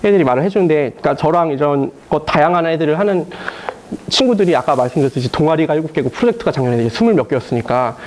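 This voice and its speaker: A man who works as a teacher, telling lively stories to an audience with lots of fillers and laughter. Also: a little high, racing, slight background noise. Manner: animated storytelling with frequent fillers and laughs. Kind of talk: casual talk to a live audience.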